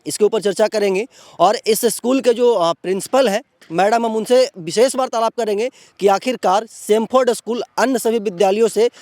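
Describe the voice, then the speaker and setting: A male local news reporter with a notably high voice conducts an on-location interview at a school. He speaks formally and keeps murmuring short acknowledgments while his guest talks. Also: darkish tone, no echo. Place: school campus.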